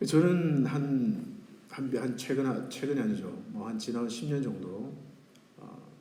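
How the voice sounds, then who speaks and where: A man's voice: medium pitch, measured pace, warm tone. A man in his forties, a pastor, preaching a sermon at a Wednesday service in a conversational way and putting questions to the congregation. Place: church sanctuary. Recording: roomy church echo.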